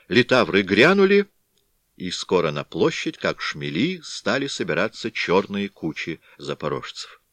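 A man narrating a classic story in a scripted, expressive storytelling manner. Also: fairly low pitch, dry recording. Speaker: audiobook narrator.

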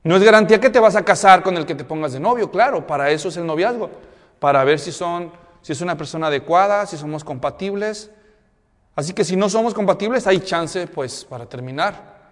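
A high-pitched man preaches at a church conference, chatty and quick with rhetorical questions. His voice rings through a big auditorium with a long reverb tail. He sounds like a pastor talking straight to the parents in the room. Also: animated. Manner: conversational, full of rhetorical questions and humorous anecdotes. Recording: long reverb of a large hall.

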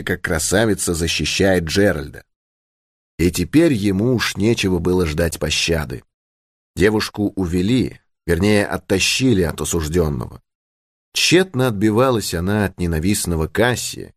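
A man narrating an adventure novel in an expressive storytelling style. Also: low voice, no room sound, studio quality. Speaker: audiobook narrator. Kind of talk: scripted narration.

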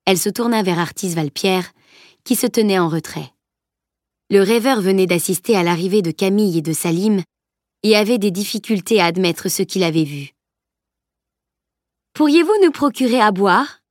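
A woman narrating a novel as an audiobook in an even, steady reading. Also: medium pitch, moderate pace, dry recording, clean studio sound. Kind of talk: scripted narration.

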